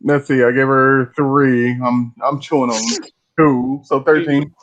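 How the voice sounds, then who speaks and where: An easygoing man joking along at a tabletop game, stammering a little as he speaks. His voice sits at an ordinary pitch for a man. It comes through a dull, lo-fi mic. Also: little pitch movement, a little slow. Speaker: player. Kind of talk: casual banter at a game table.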